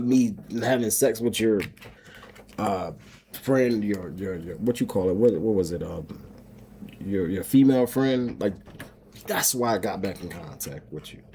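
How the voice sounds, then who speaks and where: A middle-aged man vents to the camera in a long, rambling monologue, cursing freely and stumbling over repeated words. His voice sits low with a dark, mellow tone. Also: slight background noise. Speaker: homestead vlogger and single dad. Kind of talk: emotional venting monologue.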